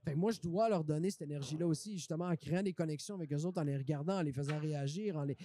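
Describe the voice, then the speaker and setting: A man's voice: a little high, very fast, a little hiss or hum. A man in his twenties with a Québécois French accent, a wrestler talking casually and confidently as a podcast guest. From Saguenay, Quebec. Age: 20s. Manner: animated, confident, lots of fillers.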